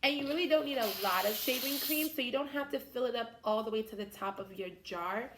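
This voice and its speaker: A woman's voice: fairly high pitch, a little fast, background noise. A woman teaching young children step by step, in the manner of a kids show host. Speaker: children's teacher hosting a science activity.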